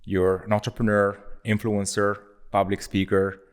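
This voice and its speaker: A man with a very low voice, co-hosting a casual podcast interview. He asks questions in a friendly, inquisitive way. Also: little pitch movement, moderate pace, clear, resonant tone. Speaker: podcast co-host.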